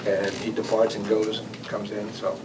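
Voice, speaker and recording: The guest speaker, a former air traffic control manager, has a fairly low voice and a flat delivery. Recorded on a distant mic in a noisy club meeting room, he gives an informal, conversational presentation with audience questions, halting and often rephrasing and repeating himself.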